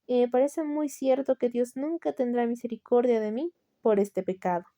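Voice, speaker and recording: A woman's voice: a little high, fairly even intonation, moderate pace, dark tone, close to an everyday voice. Woman doing a weeping, falsely pious dying man. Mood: tearful. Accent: Latin American Spanish. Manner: tearful, pleading, feigned humility. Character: dying male sinner, false pious penitent.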